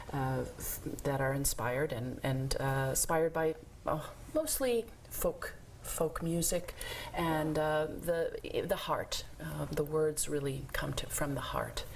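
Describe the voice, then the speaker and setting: A woman's voice: low-pitched, gravelly, darkish tone, a little hiss or hum. A woman orchestra conductor giving an enthusiastic studio interview, with many fillers. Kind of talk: interview guest.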